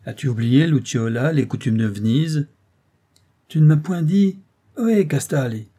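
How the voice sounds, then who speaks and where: A man's voice: fairly high pitch, a little slow, dark tone, slightly rough, voice pushed up. A man reading the part of a brash young Venetian gondolier who taunts and threatens. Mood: taunting.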